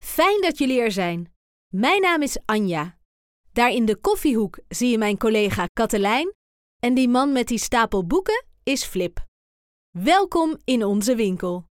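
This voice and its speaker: A woman's voice: a little high, sing-song, a little slow, clear, resonant tone, no echo, studio quality. A woman reading a children's story voices a welcoming woman who runs a bookshop. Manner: warm, welcoming.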